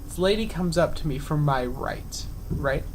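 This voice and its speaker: Young vlogger, casual storyteller, filler-heavy and chatty, mid-pitched voice with a faint hiss behind it. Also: normal speed, poor audio. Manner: chatty, lots of fillers, acts out the other people's lines. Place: at home.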